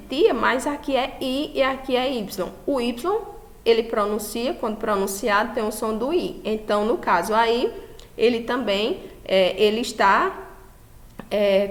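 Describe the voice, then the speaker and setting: A Brazilian woman teacher giving a recorded class, explaining slowly and patiently and often checking that students follow. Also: fairly high pitch. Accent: Brazilian Portuguese. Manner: slow, patient explaining with frequent checks for understanding. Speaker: school teacher.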